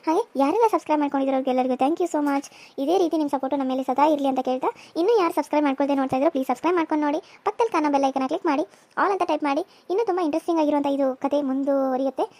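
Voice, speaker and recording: A woman's voice: high voice, racing, dark tone. A woman hosting her cartoon channel, chatty and pleading for views. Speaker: channel host. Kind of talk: casual outro appeal.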